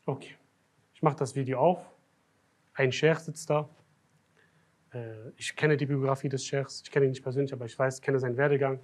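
A man's voice: fairly even intonation, moderate pace, long pauses. Emphatic male sheikh delivering a sermon. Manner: grows loud and emphatic when making a point, drops low and soft at times. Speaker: sheikh giving a religious lecture. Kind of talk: Muharram night sermon. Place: lecture hall of a foundation.

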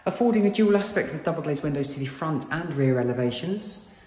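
A man's voice: fairly high pitch, lively intonation, a little fast, a little mellow. A British man gushing through a property tour as an estate agent, in polished sales patter, recorded walking around an empty house. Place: inside and outside an empty new-build house. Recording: echoey empty rooms.

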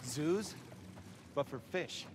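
A man playing a joking, excitable young man in video game dialogue. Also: on the high side, very slow, background noise. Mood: amazed, teasing. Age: young adult. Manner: joking, boyish, teasing. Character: playful, excitable young man, a soldier exploring ruins.

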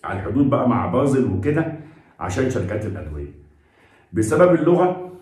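Fast-talking Egyptian man in an echoey room. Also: mid-range voice, sing-song, darkish tone. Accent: Egyptian Arabic. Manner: chatty and pleading, with frequent religious blessings. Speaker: vlogger giving job advice. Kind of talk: casual advice talk to camera.

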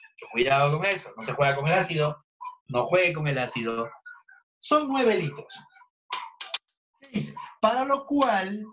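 Playful man tutoring chemistry. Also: fairly bright tone. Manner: playful, teasing, jokey with students. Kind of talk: online review class. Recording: dull low-fidelity audio.

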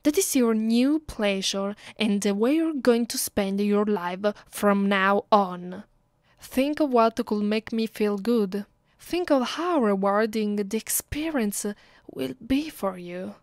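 A voice actress with a mid-range voice plays a haughty, cruel vampire mistress with an Italian accent, speaking slowly and deliberately in an intimate ASMR roleplay. She's commanding and controlling, issuing orders close to the mic with whispered moments. The recording is dry and close.

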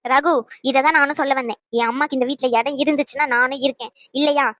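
A woman's voice: high-pitched, fairly even intonation, fast talker, a bit bright, dry recording, clean studio sound. A woman voicing an emotional young mother in a cartoon, defiant and pleading. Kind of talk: cartoon voice acting.

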